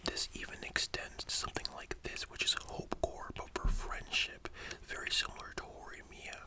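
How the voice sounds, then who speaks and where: A voice in a soft library whisper, giving an explanatory lesson as an ASMR whispered role-play. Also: normal speed. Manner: explanatory, checking the listener understands. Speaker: ASMR content creator.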